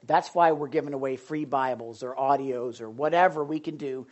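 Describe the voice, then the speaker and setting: A preacher delivering a sermon to a live audience, talking loudly and excitedly, then dropping into hushed, earnest tones. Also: mid-range voice, moderate pace, lo-fi sound. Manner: loud and excitable, swinging between shouting and hushed tones. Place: indoor gathering with a live audience.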